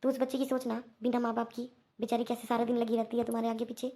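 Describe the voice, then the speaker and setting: A woman's voice: on the high side, level tone, fast talker, mellow, natural voice. Woman voicing a firm, wise old aunt. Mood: urging. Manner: urging, coaxing commands. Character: older aunt, firm and wise, guiding the family. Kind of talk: Hindi cartoon voice acting.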